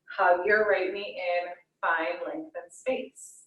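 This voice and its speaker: A woman yoga teacher guiding a class in a soothing, unhurried manner, with gently inviting cues and pauses between them. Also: fairly low pitch, fairly even intonation, muffled recording. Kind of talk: guided hatha yoga instruction. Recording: echoey room, distant microphone.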